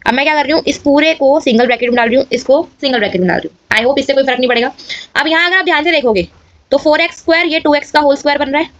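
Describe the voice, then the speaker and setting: A woman's voice: high voice, rapid-fire, a bit bright, muffled recording. A woman teaching a maths lesson and explaining each step aloud, often checking in with her students.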